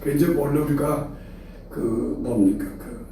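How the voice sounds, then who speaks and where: Older Chungcheong pastor in echoey hall. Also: male voice, fairly high pitch, a little slow, creaky, mellow, a little hiss or hum. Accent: Chungcheong Korean. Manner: folksy and humorous, acting out quoted dialogue. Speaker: retired senior pastor. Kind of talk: early-morning sermon. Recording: very echoey hall, distant mic.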